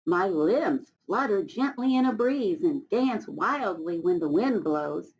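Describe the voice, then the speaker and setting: A woman's voice: mid-range voice, lively intonation, takes it slowly, a little mellow, rough recording. An American woman voicing a proud, skeptical tall pine tree in a children's storybook. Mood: boastful.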